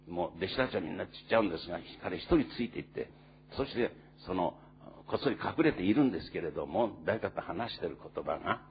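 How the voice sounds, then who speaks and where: Casting note: male pastor, low lively delivery, earnest and unhurried sermon with fillers, slightly muffled recording with faint hum. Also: gravelly. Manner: earnest storytelling with many pauses and fillers.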